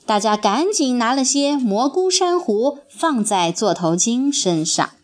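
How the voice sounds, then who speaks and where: A woman narrating a children's story in an expressive, sing-song storytelling manner. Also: on the high side, unhurried.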